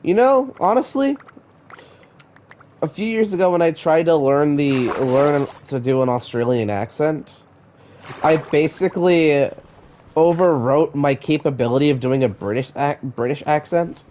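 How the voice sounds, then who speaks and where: A man's voice: on the high side, animated, measured pace, darkish tone, a little hiss or hum. A man who is sick, chatting casually to his live-stream chat while he plays, often stammering and repeating words. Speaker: live-streamer playing a block-building game.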